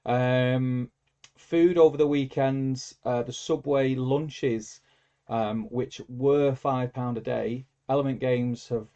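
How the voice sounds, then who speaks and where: A warm-toned man of medium pitch hosts a relaxed livestream, reading viewer comments aloud. He rambles, fills gaps with plenty of fillers and hums as he scrolls, and the stream audio is lo-fi.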